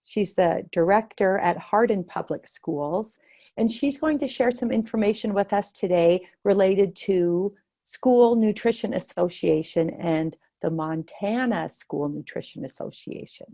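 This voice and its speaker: A woman's voice: mid-range voice, measured pace, mellow. An American woman hosting and presenting an online webinar. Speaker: webinar host.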